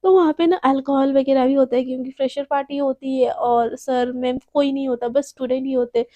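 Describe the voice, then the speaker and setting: A woman telling a story in a casual, animated way, often restarting her words. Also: sits high, a little fast, dry recording.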